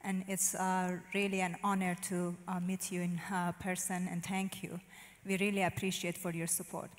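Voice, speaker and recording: Her voice is fairly low and flat, holding a level, narrow melody: an Iranian woman in her thirties, native in Farsi, giving personal testimony as an interview guest. Her English carries a Persian accent and non-native phrasing, with frequent hesitant "uh" pauses while she searches for words. She holds a handheld mic on a church stage, and the large hall's long reverb swallows her voice.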